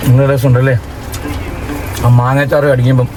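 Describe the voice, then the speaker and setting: A man chats casually as a family vlogger, excitable, repeating words in quick bursts and dropping in English words. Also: medium pitch. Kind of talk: casual vlog chat to camera. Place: in and beside a parked car in rain. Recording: noisy outdoor and in-car phone recording. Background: vehicle and urban outdoor noise.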